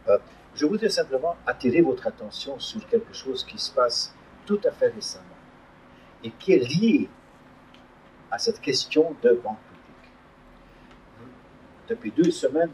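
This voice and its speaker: An older man from Hungary gives a public talk at an evening debate, his pitch rising and falling in a lively way. He talks hesitantly, with plenty of fillers and restarts. He is picked up by a distant mic in a meeting room, with a faint hum behind him. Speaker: invited speaker. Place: meeting room around a table, above a restaurant.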